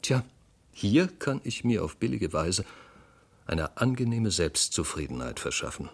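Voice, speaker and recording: A man reading a classic story aloud as a radio audiobook, narrating in the first person with dramatic, expressive delivery. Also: low-pitched, a little slow, breathy edge. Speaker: audiobook reader. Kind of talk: scripted literary narration.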